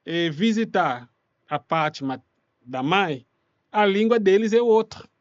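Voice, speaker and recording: A Kinshasa man, whose first language is Congolese such as Lingala, speaks as an interview guest and refugee rights activist, explaining things in loosely grammatical, non-native Portuguese with a Congolese accent. His voice is high-pitched with lively intonation and a slow pace. The recording has no room sound, and the highs are cut off.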